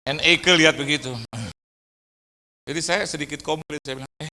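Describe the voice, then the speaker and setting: A male pastor preaching at a fellowship gathering, telling a funny story with lively, acted-out dialogue. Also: on the high side, normal speed, noisy background. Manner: animated, humorous, acts out dialogue. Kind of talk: sermon with storytelling.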